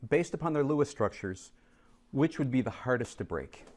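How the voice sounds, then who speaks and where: A man's voice: medium pitch, normal speed. A man teaching a chemistry class, coaxing and teasing students as he goes over review problems. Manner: lively, teasing, coaxes students to answer. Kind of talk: classroom lesson.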